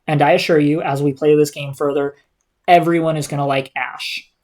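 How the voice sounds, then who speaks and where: A man's voice: on the high side, steady tone, moderate pace, a little mellow. A man giving casual live gameplay commentary as a streamer, indoors over game audio. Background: game music.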